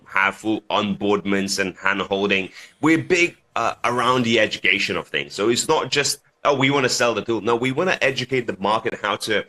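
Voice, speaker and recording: A man, born in Lithuania and raised in the UK, speaking haltingly as a guest on a radio talk show. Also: fairly low pitch, pushed and bright. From United Kingdom. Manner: halting, restarts often, laughs easily.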